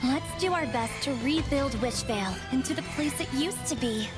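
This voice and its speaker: A woman's voice: sits high, normal speed, over loud music, natural voice. A woman voicing an earnest, determined young heroine in a fantasy game, with dramatic delivery. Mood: earnest resolve.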